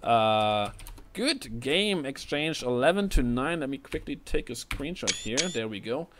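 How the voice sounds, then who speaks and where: A man casting a live online shooter match, talking quickly and jumping up in pitch and volume at big plays. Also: animated. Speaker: esports caster. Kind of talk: live play-by-play commentary.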